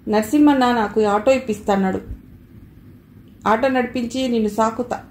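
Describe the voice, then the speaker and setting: A woman's voice: on the high side, fairly even intonation, moderate pace, a little mellow, reverberant, a little hiss or hum, lightly acted. A woman voicing a pushy, careless young husband with a Telangana Telugu accent, brash and coaxing.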